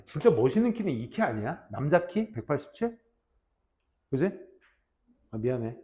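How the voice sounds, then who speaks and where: A man in his thirties, a teacher telling a class a story in a casual, animated way and acting out shouted army roll calls. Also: mid-range voice, moderate pace. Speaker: English teacher.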